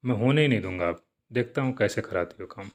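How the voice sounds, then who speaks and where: A man's voice: fairly low pitch, expressive, fast talker, natural voice. A man voicing a cocky, rude male devil king who mocks and flirts. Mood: taunting.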